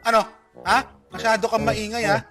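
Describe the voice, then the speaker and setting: A man, trash-talking loudly and swearing while streaming a mobile game. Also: high-pitched, level tone, a little fast, loud music behind the voice. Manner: loud, taunting, swearing, laughing. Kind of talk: trash-talking live gameplay banter.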